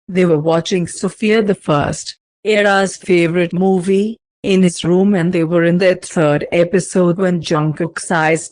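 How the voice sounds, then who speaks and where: A woman narrating a fanfiction story aloud in a steady, even storytelling manner. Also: on the low side, no echo.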